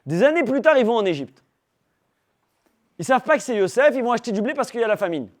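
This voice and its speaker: High-voiced man teaching a lively class. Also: quick pace. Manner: animated, asks rhetorical questions, checks in with listeners; teasing humor with the audience. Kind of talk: lively religious class talk.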